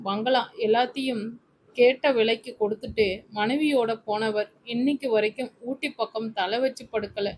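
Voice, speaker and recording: A scheming man lectures with put-on sympathy, voiced by a woman reading a story. The voice is fairly high. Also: a little hiss or hum, natural voice, poor audio. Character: scheming man feigning concern.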